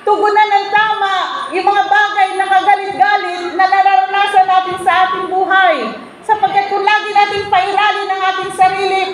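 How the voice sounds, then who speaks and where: A woman preaches to her congregation in a very high voice, pausing to call for answers from the pews. Her words ring out in a heavily echoing hall. Faint noise hums underneath. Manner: preaching to a congregation, asking them for responses. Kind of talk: sermon. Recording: very echoey room, faint background noise.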